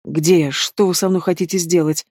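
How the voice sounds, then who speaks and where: A reader voicing a cowardly middle-aged man who shrieks in a shrill falsetto. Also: fairly even intonation, normal speed, darkish tone, no echo, clean studio sound, close to an everyday voice. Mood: panicked.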